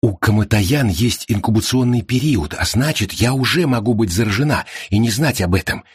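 A man reading the lines of an anxious, thoughtful young woman, with a worried, questioning manner and a husky voice. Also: on the low side, animated, moderate pace, no echo, studio quality, voice pushed up.

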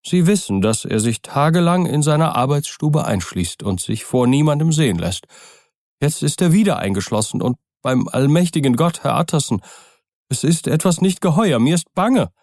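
A man's voice: fairly high pitch, lively intonation, normal speed, darkish tone, no room sound, voice pushed up. Male reader doing a panicky elderly butler, raised and strained, dry booth sound. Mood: frightened. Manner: agitated, pleading. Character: frightened old male servant, trembling and anxious.

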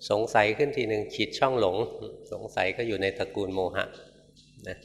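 Monk guy w a lowish voice telling stories in a sermon, easygoing and a bit funny, long hall echo. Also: normal speed, faint music behind. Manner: conversational, gently humorous storytelling. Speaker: Buddhist monk teacher. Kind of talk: Dhamma talk. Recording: reverberant hall with faint noise.

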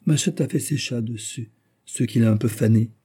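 A man's voice: mid-range voice, normal speed, mellow, slightly rough. A man voicing a dreamy, absent-minded poet in an audiobook, rambling eagerly and mocking himself. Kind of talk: audiobook character voice.

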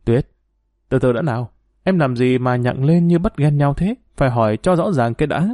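Man as middle-aged peacemaker, soothing, mellow dark voice, dry. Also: mid-range voice, animated, no echo, natural voice. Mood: placating. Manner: soothing, hurried.

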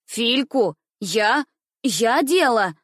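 A woman's voice: on the low side, animated, unhurried, no echo. A woman voicing an agitated twelve-year-old girl who hotly denies blame, in a dry recording. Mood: indignant. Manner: agitated, indignant.

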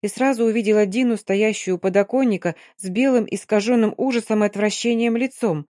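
A woman reads a novel aloud in an even, expressive storytelling voice. The sound is dry and close, with no room echo. Her pitch sits in a middle range. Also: fairly quick. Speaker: audiobook reader. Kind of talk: scripted narration.

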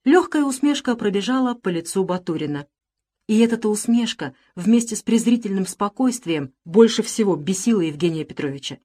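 A woman narrating a story in a measured, steady reading voice. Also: mid-range voice. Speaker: audiobook reader. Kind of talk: scripted narration.

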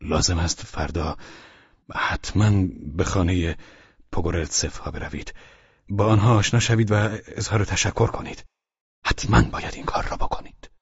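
Brief: male narrator as a short-tempered gentleman, low and husky, curt and snappish. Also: no room sound, lo-fi sound, exaggerated voice. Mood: flustered. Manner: curt and angry, then stammering. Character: irritable, flustered gentleman host.

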